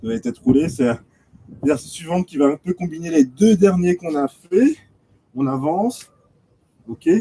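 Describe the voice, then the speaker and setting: A man teaching a pilates class, giving steady step-by-step commands, counting reps and repeating cues slowly. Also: fairly high pitch, vocal fry, slightly rough, poor audio. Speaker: pilates instructor. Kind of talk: guided exercise class instruction. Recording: loud background noise.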